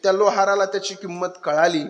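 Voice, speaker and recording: A man preaching a devotional kirtan sermon, swinging from loud cries to hushed speech. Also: sits high, fairly even intonation, quick pace. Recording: echoey hall with loud crowd noise.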